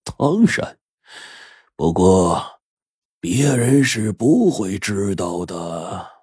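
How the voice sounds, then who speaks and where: A man voicing a scheming, gloating rich old boss in an audio story, speaking slowly and menacingly. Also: low voice, darkish tone, slightly rough, no echo, clean studio sound, heavily acted.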